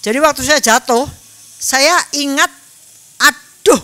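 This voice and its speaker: A woman's voice: on the high side, lively intonation, measured pace, pushed and bright. A woman, giving a Buddhist Dhamma talk in a chatty storytelling way. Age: 70s. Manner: chatty storytelling, mixing in Javanese words. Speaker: Dhamma speaker.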